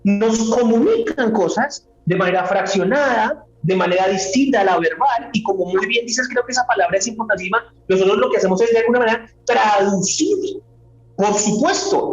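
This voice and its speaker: A man, a philosophy doctoral student, explaining ideas at length as an interview guest in a measured way, often asking rhetorical questions. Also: high-pitched. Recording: roomy, dull sound.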